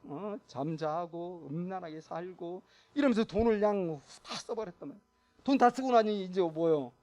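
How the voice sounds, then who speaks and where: A man preaching a Sunday sermon as pastor in a church, animated, often asking the congregation short questions and acting out the figures in his story. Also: sits high. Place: church sanctuary.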